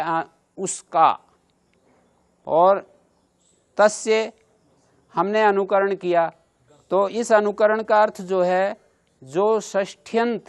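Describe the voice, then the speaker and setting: A male teacher gives a classroom lecture in a high voice with a gravelly edge. He talks slowly and lays out each point in turn. He keeps asking his listeners questions to check they are following. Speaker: Sanskrit grammar teacher.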